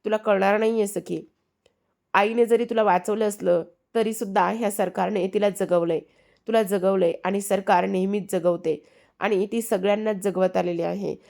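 A woman's voice: medium pitch, steady tone, normal speed, vocal fry, darkish tone, close to an everyday voice. A woman voicing a domineering middle-aged matriarch who heads a family business, in commanding, scolding quoted lines from a serial recap.

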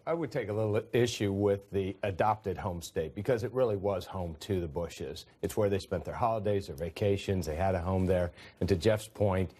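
Deep male commentator, firm. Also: brisk, hardly any pauses, mellow. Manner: politely disagreeing, firm. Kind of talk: panel discussion.

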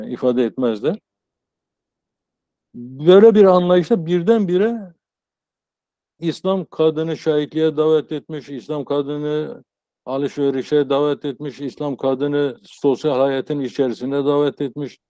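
A man in his sixties giving an informal academic lecture as a professor, explaining haltingly on a video call. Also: mid-range voice, mellow, dry recording. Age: 60s. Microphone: earphone headset on a video call.

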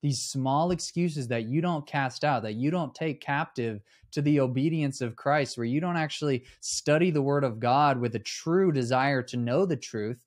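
Earnest male host teaching on faith, mid-pitched voice. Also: darkish tone.

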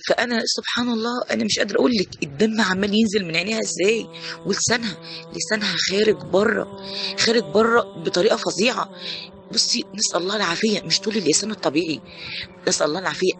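An Egyptian woman in her forties, a corpse washer, talking in a voice message in a shaken way and repeating pious phrases. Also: mid-range voice.

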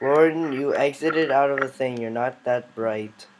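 A man's voice: medium pitch, unhurried, background noise. A male gaming host giving casual commentary on a game with friends, teasing and bossy, often breaking into laughs.

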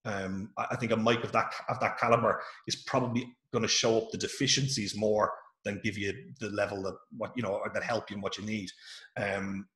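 Over a video call from a room in his house, an Irish workshop presenter talks fairly quickly in a fairly low, level voice with a slightly bright edge. The audio is reverberant, and his casual speech is peppered with fillers and restarts.

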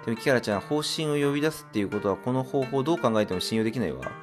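A man's voice: medium pitch, animated, racing, over music, lightly acted. A man voicing an anxious young woman. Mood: worried. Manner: worried, formal feminine phrasing.

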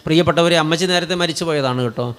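A man's voice: a little high, fairly quick. A man preaching a sermon as a story, turning to the congregation with rhetorical asides.

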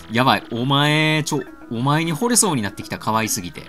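Joking Kansai-accented man with a lively voice. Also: mid-range voice. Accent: Kansai Japanese. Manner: crude, joking, excitable. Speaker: game commentator. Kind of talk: let's-play commentary.

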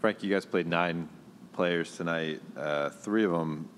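Man reporter, very low voice, methodical multi-part questioning, faint noise. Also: a little slow. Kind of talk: press conference question.

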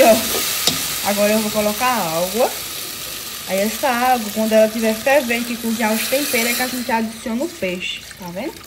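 A woman's voice: a little high, slight background noise. A young woman from Brazil, chatting casually to viewers while cooking lunch in her home kitchen, filmed on a phone at arm's length. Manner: chatty, addresses viewers as "gente". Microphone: phone held at arm's length.

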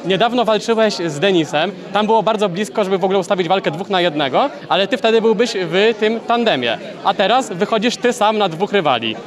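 Young male sports interviewer, quick and high-pitched, probing questions at a crowded event. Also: animated. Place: busy event press wall, indoors. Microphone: handheld mic. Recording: loud crowd chatter behind.

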